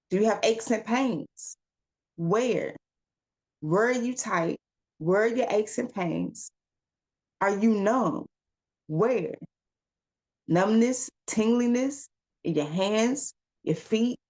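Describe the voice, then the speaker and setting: A woman's voice: medium pitch, darkish tone. A woman giving a casual self-help talk as a wellness coach, firing off questions and calling listeners y'all and baby. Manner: asks rapid rhetorical questions, calls listeners y'all and baby; emphatic, coaching.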